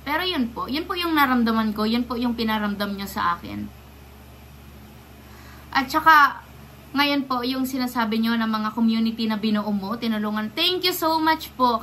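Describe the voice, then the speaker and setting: Young woman, vlogger, from the Philippines, indignant, defiant, rhetorical questions, bright, faint hiss. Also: on the high side. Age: young adult. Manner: polite yet defiant. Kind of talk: direct-to-camera rant.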